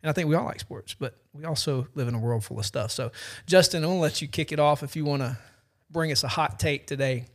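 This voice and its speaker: A man in his forties hosting a casual podcast chat, telling stories with a self-deprecating, animated manner. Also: on the high side, quick pace, hardly any pauses. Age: 40s. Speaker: podcast host.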